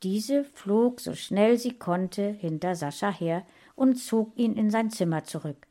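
A woman reading a fantasy story aloud in an even storytelling manner. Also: medium pitch, unhurried. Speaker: audiobook reader.

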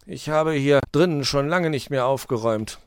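A man's voice: on the high side, moderate pace, clean tone, dry recording, studio quality, voice pushed up, natural voice. A man voicing a grumpy, flustered male fox thief in a storybook, grumbling and falsely cheery. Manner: grumbling, fake-cheery when caught. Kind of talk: storybook read-aloud.

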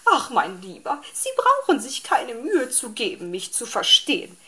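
A woman putting on a chattering magpie lady, bossy, high and loud, storybook figure, unhurried. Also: wildly swooping pitch, exaggerated voice. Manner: pushy, high and insistent.

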